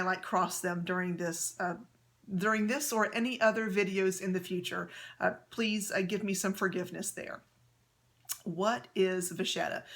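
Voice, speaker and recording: A woman hosts her own vlog and talks straight to camera in a casual, friendly way. She keeps it chatty and loose, filling pauses with ums and uhs and restarting her sentences. Her voice sits at an ordinary middle pitch for a woman. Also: fairly bright tone. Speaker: handbag vlogger. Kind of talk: casual how-to talk to camera.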